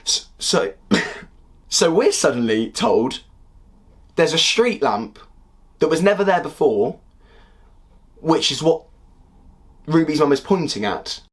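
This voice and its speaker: A young man in his twenties with a husky voice, talking through a casual critique of a TV series in a heated, exasperated way. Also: on the high side, big pitch swings, slow pace, pauses often. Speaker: video critic.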